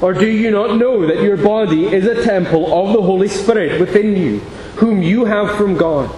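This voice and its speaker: A man preaching as pastor, reading scripture in a measured, deliberate way into a pulpit microphone. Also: high voice, darkish tone. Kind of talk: sermon with scripture reading and prayer. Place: large church sanctuary. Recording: echoey church hall with long reverb, faint hiss.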